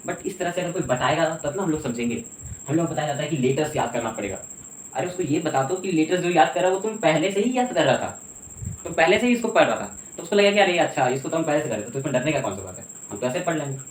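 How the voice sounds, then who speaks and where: Slightly high-voiced, a man lectures his class on English, breaking the material into steps and frequently making sure his students follow along. It was recorded in an echoey room with slight background noise.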